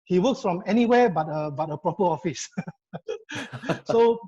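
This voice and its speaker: A man introduces a guest on a live online panel, his voice sitting a little high. He hesitates often, filling gaps with fillers and restarts. The video call audio is dull and lo-fi. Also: lively intonation, moderate pace, dark tone, slightly rough. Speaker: panel speaker, law association member.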